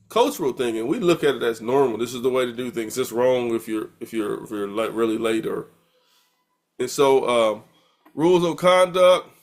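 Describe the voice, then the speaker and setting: A middle-aged American man delivering a university lecture in an easygoing, conversational style. His voice sits at an ordinary male pitch, and he often doubles back on words, restarting phrases as he thinks aloud. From United States. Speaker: university professor. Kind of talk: recorded lecture.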